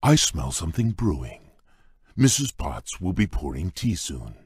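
An actor playing a shy, gentle male beast prince in a game, talking in a halting, bashful way with a husky, rumbling voice. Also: big pitch swings, no echo, full character voice. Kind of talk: game voice clips.

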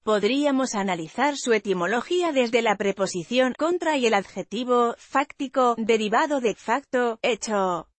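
Female news voice-over, fairly high pitch, even measured read, dry booth sound. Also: no room sound. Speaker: news reader. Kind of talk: reading a news article aloud.

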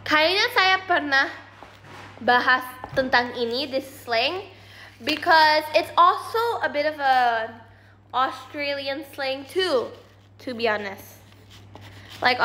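Young woman, high voice, bright tone, mock teacher, teasing. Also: measured pace, slight background noise. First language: Indonesian. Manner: teasing teacher tone, switching between Indonesian and English. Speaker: livestream host. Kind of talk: playful mock English lesson.

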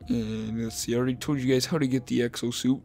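A man's voice: mid-range voice, steady tone, gravelly, darkish tone, faint music behind. A man giving a casual gaming commentary as a YouTuber, rambling and repeating himself with lots of ums and uhs. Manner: says he is talking fast to keep it short.

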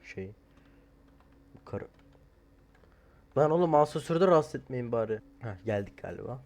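A young man doing casual horror game commentary, joking and mumbling, then yelling in panic. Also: medium pitch, lively intonation, moderate pace. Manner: jokey, swings from mumbling to loud panicked yelling. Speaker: gaming streamer.

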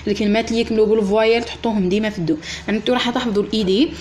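A woman with an Algerian Arabic accent, an English teacher explaining exam grammar and pronunciation rules step by step and reading English example sentences slowly. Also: mid-range voice, fairly even intonation, a little mellow, slight background noise. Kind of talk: exam revision lesson.

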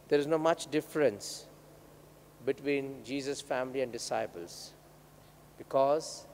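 Priest, gravelly, measured phrases, cathedral echo in a large church with soft background hiss. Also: male voice, medium pitch. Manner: measured, delivered in short phrases with pauses. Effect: cathedral echo, long church reverb. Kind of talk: Mass gospel reading and homily. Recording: reverberant church hall, faint background noise.

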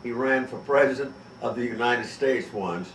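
An older man telling stories in a rambling way, halting often. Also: mid-range voice, a little hiss or hum. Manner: rambling, halting with many pauses. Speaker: interviewee recalling a prank. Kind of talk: casual storytelling. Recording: echoey room from a distance.

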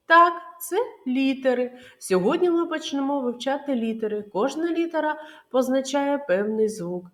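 A woman kindergarten teacher giving a literacy lesson to young children, explaining patiently and clearly with many questions. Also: high-pitched.

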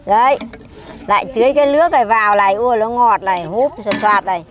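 A woman's voice: on the high side, quick pace. An older woman cooking and serving food, talking in a chatty, coaxing way with lots of exclamations. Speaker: cooking vlogger. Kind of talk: cooking demonstration while serving guests. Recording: noisy crowd around her.

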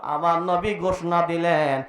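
A man preacher from Bangladesh telling a religious story in a sermon, swinging between hushed low narration and raised, shouted appeals. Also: flat delivery, unhurried, a faint crowd, a little hiss or hum. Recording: echoey amplified hall.

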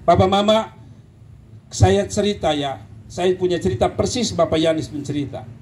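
A man with a Kupang Malay accent, preaching a sermon and telling stories, rising to emphatic bursts and dropping low. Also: normal speed, a little mellow, slight background noise. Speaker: pastor.

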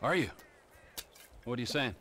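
An actor playing a volatile, violent male criminal in a video game cutscene, swinging from menacing whispers to shouting rage. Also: medium pitch, lively intonation, normal speed.

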